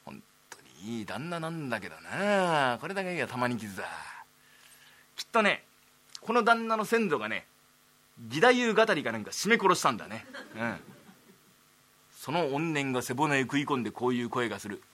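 A man playing a rough-talking Edo townsman who grumbles and teases at a banquet. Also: medium pitch, big pitch swings, normal speed, pauses often, pushed and bright. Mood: grumbling. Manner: blunt, teasing, grumbling.

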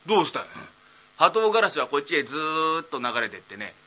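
A man voicing a dim-witted idle young man nearly thirty, rambling slowly in rakugo storytelling. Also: a little high, big pitch swings, sharp tone, heavily acted.

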